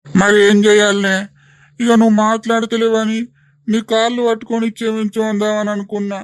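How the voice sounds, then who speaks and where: A man voicing a remorseful older village husband with a Telangana Telugu accent, coaxing and pleading in an animated comedy. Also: sits high, fairly quick, clear, resonant tone, no echo, lightly acted.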